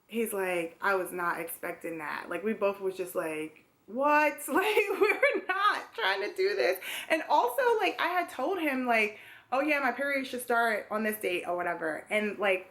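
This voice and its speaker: A woman's voice: a little high, pushed and bright. A young woman vlogger casually telling a personal story to camera, chatty, with many fillers and small laughs.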